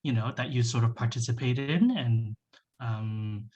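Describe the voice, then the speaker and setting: Young man from Malaysia, husky, rambling. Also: mid-range voice, measured pace, darkish tone, lo-fi sound. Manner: rambling, many fillers and restarts. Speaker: workshop participant. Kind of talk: casual discussion on a video call. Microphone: laptop webcam on a video call.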